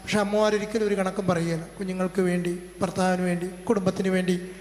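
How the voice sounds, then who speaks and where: A middle-aged priest with a Kerala Malayalam accent preaches slowly and steadily, pausing between his points. His voice sits high for a man. It rings out with a long reverb, as if he is speaking in a large hall. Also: flat delivery, darkish tone. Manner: slow, measured preaching with spoken examples. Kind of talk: sermon on family life.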